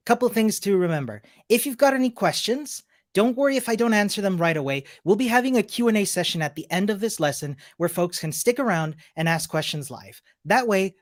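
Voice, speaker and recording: An upbeat, chatty Chilean woman with a fairly low voice teaches a live-streamed online coding lesson. The coding instructor greets viewers warmly and clearly explains each step as she shares her screen, speaking into a computer mic.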